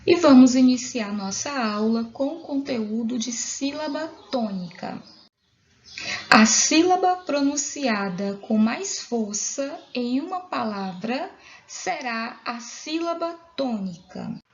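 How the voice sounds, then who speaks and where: A woman teacher with a Brazilian Portuguese accent, giving a recorded school lesson for children in a slow, clear, drawn-out voice. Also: high voice, lively intonation, a little hiss or hum. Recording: dull lo-fi sound in an echoey room.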